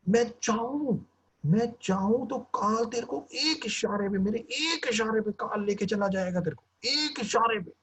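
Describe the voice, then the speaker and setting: A man's voice: high-pitched, unhurried, a bit bright, breathy edge, voice pushed up, exaggerated voice. A man voicing an arrogant, mocking male demon king who taunts and threatens a bound captive, over muffled lo-fi video call audio. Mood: furious.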